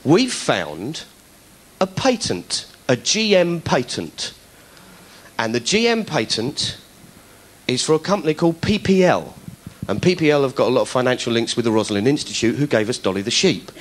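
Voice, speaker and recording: At normal speed and medium pitch, the middle-aged comedian host animatedly tells his studio audience a story, voicing the people he quotes.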